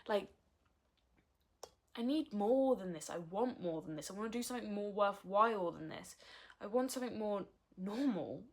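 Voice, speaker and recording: A woman's voice: mid-range voice, expressive, normal speed. A woman, talking frankly and earnestly in a personal vlog. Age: early 20s. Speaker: vlogger. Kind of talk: candid personal vlog talk.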